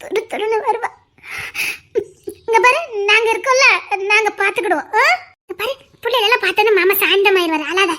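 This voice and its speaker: A woman acting a caring, playful young sister-in-law in an audio drama, soft, coaxing and affectionate. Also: very high voice, a little fast. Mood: soothing.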